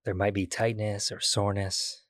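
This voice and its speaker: A man guiding a body-scan meditation, speaking slowly and soothingly with long pauses. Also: on the low side, level tone, fairly bright tone, no echo, clean studio sound. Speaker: meditation guide.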